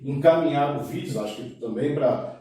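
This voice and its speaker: A man's voice: mid-range voice, moderate pace, dark tone. A man giving spoken news commentary on a podcast panel, often tagging sentences with "né" and restarting phrases. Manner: frequent "né" tags and self-restarts. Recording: very echoey room, mic at a distance.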